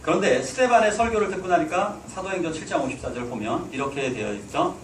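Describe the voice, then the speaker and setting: A man's voice: fairly high pitch, fast, a little hiss or hum. A man preaching a sermon in a church, urging his listeners on and putting rhetorical questions to them. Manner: exhorting, asks the hall rhetorical questions. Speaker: pastor. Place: church sanctuary. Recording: echoey hall, mic at a distance.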